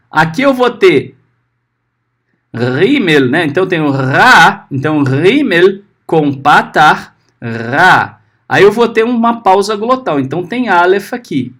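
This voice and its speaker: A man teaching a Hebrew class. He is patient, checks often that his students are following, and sounds out letters and syllables slowly. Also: high voice, fairly bright tone. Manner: patient, often checking understanding with short tags. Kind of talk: recorded class lesson.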